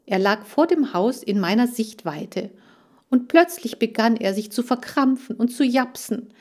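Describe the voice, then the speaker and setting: An agitated young girl in an audiobook, as a woman reader puts her on. Her voice rides high and pushes hard, pleading and tearful. The lines come out strained and urgent. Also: expressive, unhurried, a little mellow. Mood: distressed. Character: upset, tearful girl caring for farm animals.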